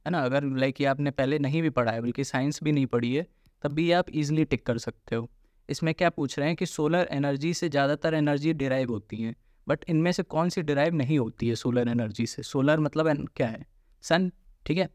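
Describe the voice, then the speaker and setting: A man's voice: medium pitch, a little mellow, no room sound, clean studio sound. A man giving an informal exam-prep lesson, explaining step by step and often adding tag questions for his students. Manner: informal, repeats tag questions, mixes English terms. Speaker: exam coaching teacher.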